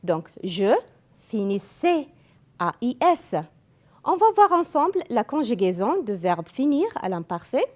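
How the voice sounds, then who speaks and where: Slow, lively-pitched woman teacher. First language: Arabic. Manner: slow, spelling out endings and repeating forms. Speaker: French teacher. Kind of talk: classroom grammar lesson.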